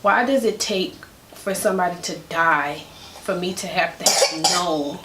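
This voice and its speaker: A woman's voice: lowish voice, measured pace, heavy background noise. A woman vlogging from home, chatting casually and giving her opinion with rambling asides. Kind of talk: casual commentary to camera. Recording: echoey room.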